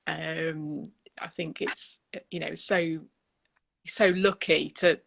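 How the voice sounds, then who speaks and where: A middle-aged woman talks on a laptop webcam call from a room at home. Her voice is gravelly and flat, with little melody. She speaks softly, trailing off and leaning on "you know". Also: sits low, slow pace. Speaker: guest, wedding business owner. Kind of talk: casual video-call chat. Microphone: laptop webcam on a video call.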